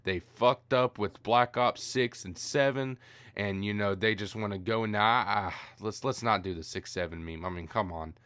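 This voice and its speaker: A man's voice: on the low side, moderate pace, a bit bright, smooth, no room sound. A tired man ranting profanely in a rambling, exasperated gaming commentary.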